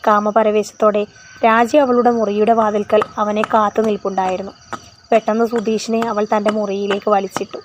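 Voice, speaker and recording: A woman narrating a story in a steady, expressive reading. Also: medium pitch, fairly quick, noisy background.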